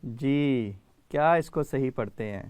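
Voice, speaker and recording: A man's voice: mid-range voice, darkish tone, smooth, dry recording. A man hosting a children's education program, patiently calling on kids by name to answer quiz questions.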